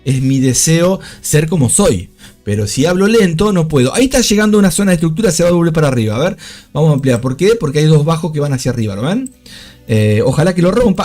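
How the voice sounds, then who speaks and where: A man with a Rioplatense Spanish accent talks fast through live trading commentary. His voice jumps around with lively swings in pitch. Faint music plays behind him. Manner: fast, animated talker. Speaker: trading stream host.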